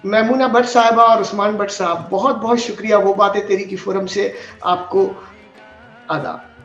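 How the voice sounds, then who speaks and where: A man's voice: high voice, moderate pace, fairly bright tone, faint music behind. A man hosting an interview, speaking politely and formally over a remote call. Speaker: host. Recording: echoey, dull lo-fi line.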